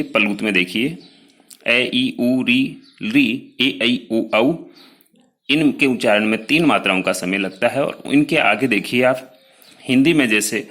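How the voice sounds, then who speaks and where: Bright-voiced male teacher explaining slowly. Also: medium pitch. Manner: explains slowly, spelling out sounds one by one; addresses students directly, pointing to written notes. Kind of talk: classroom lecture.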